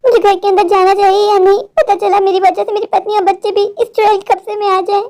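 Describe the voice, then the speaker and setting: A woman's voice: very high voice, little pitch movement, fast, dark tone. A woman voicing a frightened, tired male office worker in a cartoon, anxious and pleading, short-tempered with his wife.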